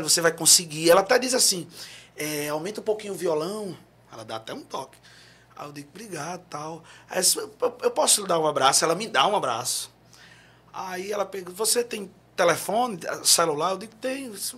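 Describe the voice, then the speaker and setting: His voice sits high and is fairly bright with a bit of roughness. A Paraíba native from João Pessoa, Brazil, he speaks with a Northeastern accent as a podcast guest, spinning an animated tale full of acted-out quotes and sudden singing.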